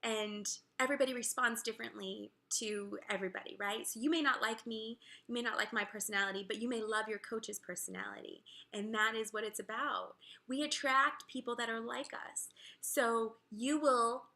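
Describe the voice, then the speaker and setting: Bright, high-voiced woman fitness coach. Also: normal speed. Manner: emotional, tearful at times, chatty with many fillers. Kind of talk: heartfelt personal talk to camera.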